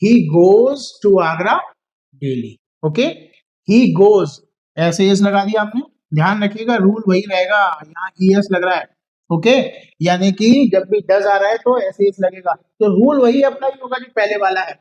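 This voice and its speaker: High-voiced Indian man drilling English. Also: darkish tone, muffled recording. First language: Hindi. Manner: slow drilled repetition of English phrases. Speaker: English teacher. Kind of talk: spoken English lesson for Hindi speakers.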